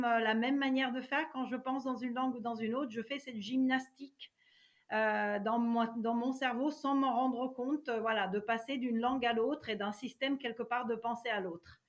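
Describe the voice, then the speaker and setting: A woman's voice: fairly high pitch, fairly even intonation, normal speed. A woman from Italy whose first language is Italian, answering interview questions reflectively with many fillers. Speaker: guest. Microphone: remote call.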